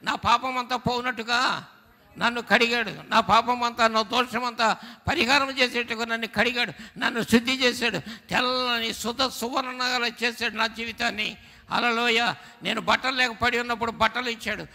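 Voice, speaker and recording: A man's voice: extremely high pitch, fairly even intonation, moderate pace, bright, forceful tone. A man preaching a sermon as pastor, calling on the congregation to answer back. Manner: preaching with call-and-response to the congregation. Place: church sanctuary. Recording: church hall with long reverb.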